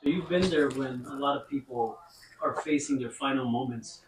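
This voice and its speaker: A man's voice: medium pitch, moderate pace, recorded from a distance. A man asking conversational interview questions. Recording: roomy, off-mic, clearly noisy.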